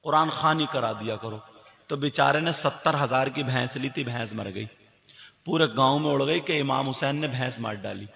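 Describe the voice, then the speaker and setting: A male preacher telling a religious story with animated delivery, swinging from hushed asides to shouted lines. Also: mid-range voice, vocal fry, big-room sound. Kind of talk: storytelling sermon.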